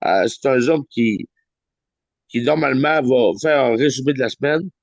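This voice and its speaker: A man hosting a weekly video call, halting with many restarts. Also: mid-range voice, no echo. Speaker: host of a weekly Zoom meeting. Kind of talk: informal presentation on a video call.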